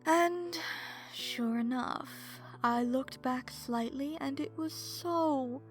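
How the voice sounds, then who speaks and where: In a first-person ASMR horror story, a woman with a high voice plays a vampire who is seductive, smug and predatory. Her delivery is sultry and breathy, often slipping into whispers.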